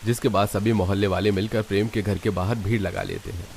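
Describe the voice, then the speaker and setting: Low-voiced man narrating a cartoon story. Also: steady tone, quick pace, vocal fry, a little mellow, a little hiss or hum.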